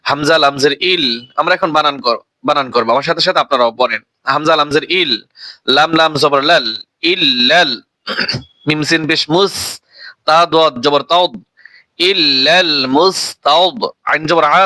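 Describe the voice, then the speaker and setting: A man teaching Quran reading, spelling out letters and vowel marks aloud and then reciting each word slowly. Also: fairly high pitch, bright, forceful tone, no room sound, rough recording.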